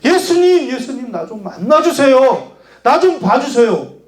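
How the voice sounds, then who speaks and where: A man voicing a desperate blind male beggar who cries out loudly and pleads. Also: sits high, lively intonation, moderate pace, roomy sound. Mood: pleading.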